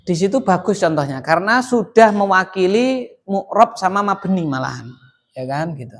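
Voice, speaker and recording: A man's voice: high voice, lively intonation, moderate pace. A middle-aged man teaches an Arabic grammar class. He keeps quizzing his students, tossing out questions and waiting for their answers. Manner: quizzing students with repeated "apa, Pak?" prompts. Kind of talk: classroom lesson with call and response.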